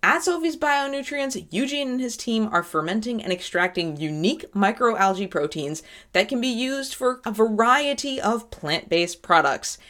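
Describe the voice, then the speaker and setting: A woman's voice: fairly high pitch, expressive, moderate pace, hardly any pauses, a bit bright. A woman hosting a food and health podcast, reading an upbeat scripted intro and then interviewing her guest. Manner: upbeat, self-described nerdy enthusiasm. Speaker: podcast host.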